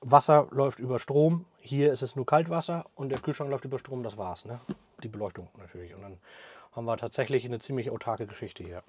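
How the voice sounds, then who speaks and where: A man, explaining the camper cabin he builds in a quick, matter-of-fact way, often adding a questioning "ne?" and letting his sentences trail off quietly. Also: mid-range voice, a little hiss or hum. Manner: fast, trailing off at sentence ends, frequent tag "ne?". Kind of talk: explaining a product in an interview. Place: inside a small pickup camper cabin.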